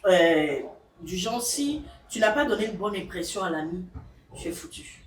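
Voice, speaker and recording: A woman co-hosting a casual debrief chat, recapping events in a measured, agreeable way. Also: medium pitch, big pitch swings, a little hiss or hum. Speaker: co-host of a reality show debrief. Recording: roomy echo, distant mic, faint ambience.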